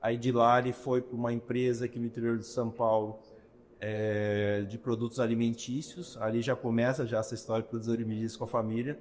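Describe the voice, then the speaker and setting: A man from Brazil, a restaurant entrepreneur, telling his story in a podcast interview, slow and pausing often to find his words. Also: mid-range voice, little pitch movement, darkish tone, slight background noise. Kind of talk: casual interview talk.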